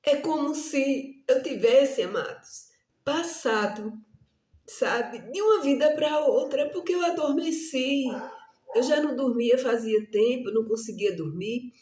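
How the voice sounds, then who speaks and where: A woman preacher with a high-sitting, darkish voice speaks at a measured pace, and the sound is roomy. She tells a testimony in an earnest, emotional sermon style, often calling out to her listeners as "amados".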